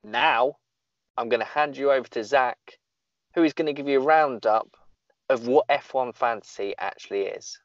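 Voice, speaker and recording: A man's voice: mid-range voice, normal speed, no room sound, highs cut off. A man co-hosting a casual podcast, rambling and joking at his own expense. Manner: joking, rambling, self-deprecating. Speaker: podcast co-host.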